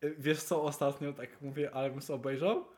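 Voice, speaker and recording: A young man co-hosting a podcast in casual chat, excitable and swearing freely, his voice jumping up for emphasis. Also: on the high side, fairly quick. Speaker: podcast co-host.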